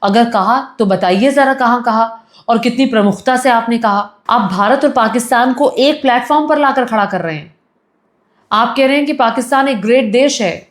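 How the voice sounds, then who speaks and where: Indignant woman news commentator. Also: fairly high pitch. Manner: indignant, firing rhetorical questions. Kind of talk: opinion news commentary to camera.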